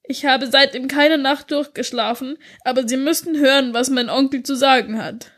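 A woman's voice: on the high side, moderate pace, a bit bright, close to an everyday voice. A woman voicing a tearful, earnest teenage schoolgirl who speaks in a pleading way.

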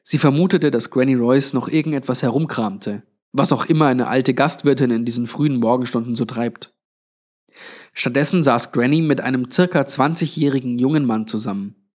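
A man narrating an audiobook, steady and measured as he walks through a tense scene. His pitch sits in an ordinary middle range for a man. The reading is scripted and paced for storytelling.

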